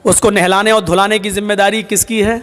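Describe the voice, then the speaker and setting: A man's voice: high-pitched, little pitch movement, a bit bright. A man voicing a patient older ruler who coaxes a young man with questions. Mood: coaxing. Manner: coaxing, questioning. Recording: long hall reverb.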